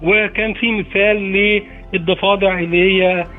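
An Egyptian man explaining informally as an expert, halting often over filler phrases. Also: high voice, flat delivery. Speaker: expert interviewee. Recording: narrow, phone-like sound. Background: faint music.

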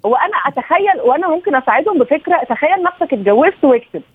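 Fast-talking Egyptian woman on a phone line. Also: sits high, expressive, dry recording. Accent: Egyptian Arabic. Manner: practical, with many self-restarts. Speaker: psychological and family consultant guest. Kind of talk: explanatory advice in an interview. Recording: tinny phone-like remote line.

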